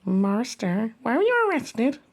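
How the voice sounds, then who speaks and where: A woman's voice: fairly high pitch, very animated, measured pace. A woman in comic banter playing an eager, childlike servant, deferential yet teasing.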